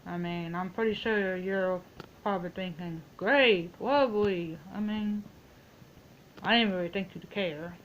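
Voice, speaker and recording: A woman's voice: on the low side, steady tone, a little slow, dull audio, slight background noise. A woman in a casual, rambling phone chat, telling stories and quoting herself and other people as she goes. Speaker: vlogger making a phone call.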